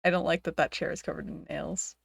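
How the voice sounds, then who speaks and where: A woman's voice: deep voice, steady tone, quick pace, vocal fry, no echo. A woman streamer in casual chat, rambling, giggling often and playfully dramatizing her reactions.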